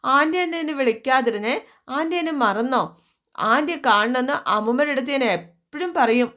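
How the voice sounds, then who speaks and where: A woman voicing an eager, affectionate little girl with a high childlike tone. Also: expressive, normal speed, pushed and bright.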